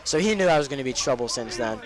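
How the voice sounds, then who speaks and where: A man's voice: medium pitch, expressive, fast talker. A man telling crude school stories over gameplay commentary, rambling, swearing, and drifting off topic. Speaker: gaming commentator. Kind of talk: casual game commentary and storytelling.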